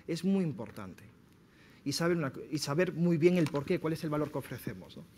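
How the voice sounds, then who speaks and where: A man from Spain giving a sales seminar to entrepreneurs, lively and quizzing his audience. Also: on the high side, fairly quick, a little hiss or hum. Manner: lively, questions the audience directly. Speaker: speaker at a business talk. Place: seminar room.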